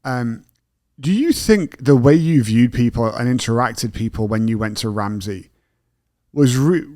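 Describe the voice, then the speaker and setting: A British podcast host with a warm, expressive, mid-range voice interviews his guest at a measured pace, and the recording is dry. He asks thoughtful questions in a self-deprecating, conversational way, often agreeing with a "yeah."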